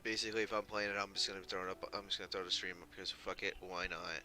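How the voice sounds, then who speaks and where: A man streams casual live game commentary in a deep, steady voice, talking very fast with a pushed, bright sound. He's slangy and profane, grumbling and sardonic. He's recording in a room at home with an open window, and the recording is clearly noisy with background noise.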